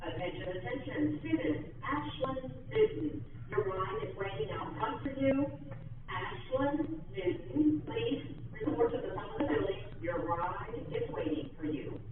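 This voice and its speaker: A woman making a formal announcement to students over a school PA loudspeaker. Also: on the high side, lively intonation, a little slow. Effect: heard over a school PA loudspeaker. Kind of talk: public address announcement. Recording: echoey, distant, tinny PA loudspeaker with faint hiss.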